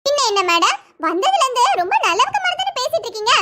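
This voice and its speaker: A woman's voice: very high-pitched, very animated, quick pace, bright, forceful tone, heavily acted. A woman voicing a cheeky, greedy young maid in a cartoon, wheedling and gossipy, with a Tirunelveli Tamil accent. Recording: noisy cartoon voice track.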